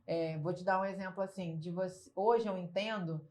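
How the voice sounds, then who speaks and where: A woman guest in a casual interview telling her story in a lively, frank way. She talks colloquially with slang and fillers, and often acts out what people said. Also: fairly low pitch, moderate pace. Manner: lively storyteller who acts out quoted dialogue. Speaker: interview guest, business owner.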